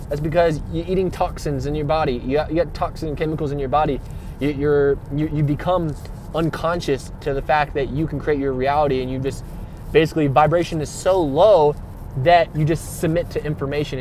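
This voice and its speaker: A man's voice: fairly high pitch, a little mellow, a little hiss or hum. A man giving a rambling spiritual monologue, slangy and emphatic, repeating himself and swearing freely, with rhetorical questions. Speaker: spiritual vlogger.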